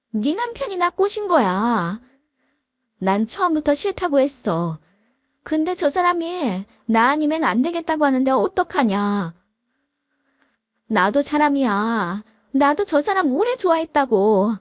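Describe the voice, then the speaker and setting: A woman voicing a tearful, defiant woman caught in an affair, crying out in a shrill, breaking high voice. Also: no echo.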